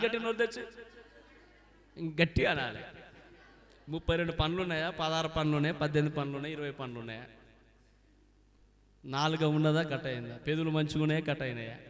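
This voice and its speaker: A man preaches in a fairly high voice. He calls on his congregation to answer him aloud. His volume swings from ringing shouts to low, hurried asides. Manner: call-and-response, urging the crowd to answer loudly. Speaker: pastor. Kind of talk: sermon.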